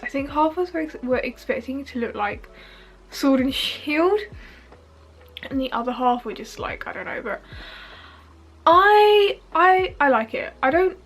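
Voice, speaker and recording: A young woman, sniffly from allergies, gushing and rambling excitedly in a casual vlog at home. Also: sits high, low-quality recording. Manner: gushing, giggly, fast and rambling with many fillers. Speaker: YouTuber reacting to a game trailer. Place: home front room.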